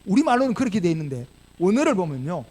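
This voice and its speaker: A man with a Gyeongsang Korean accent preaching a sermon as pastor, animated and firing rhetorical questions at the congregation. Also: high voice, quick pace. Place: church sanctuary.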